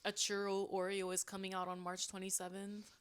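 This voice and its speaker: A woman's voice: medium pitch, monotone, brisk, clean tone. A young woman co-hosting a podcast, chatting casually and eagerly about snacks, with lots of "like" fillers. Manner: chatty, enthusiastic snack talk with many "like" fillers. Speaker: podcast co-host. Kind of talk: casual chat.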